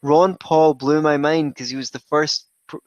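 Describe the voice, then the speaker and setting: This podcast guest from Scotland rambles through his story with dry humor, repeatedly stopping to correct himself in a relaxed interview chat. He speaks at a normal pace in a slightly high voice with fairly even intonation, on a dry recording whose highs are cut off.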